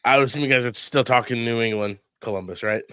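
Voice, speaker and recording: Male co-host, croaky from coughing, dry close mic, blunt casual delivery. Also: mid-range voice, fast talker, bright, forceful tone, no echo. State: hoarse after coughing fit. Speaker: podcast co-host. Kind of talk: casual sports chat.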